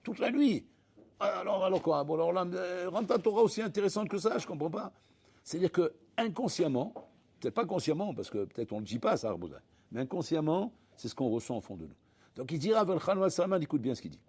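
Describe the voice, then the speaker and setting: A man teaching a Torah class in peppered words, his voice fairly high yet dark and husky. He talks big swings of energy, acting out little dialogues and restarting his phrases again and again. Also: fast. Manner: animated, acts out dialogues, frequent restarts. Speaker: rabbi giving a Torah class. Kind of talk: lively spoken Torah lesson.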